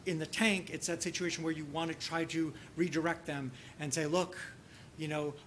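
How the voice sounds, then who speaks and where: A man leads a conference teaching session, thinking aloud through a case with frequent restarts and fillers. His voice sits a little on the high side for a man. A faint hiss of noise runs under the speech. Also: steady tone, fairly bright tone. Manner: halting, heavy use of "you know" and restarts. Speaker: workshop presenter.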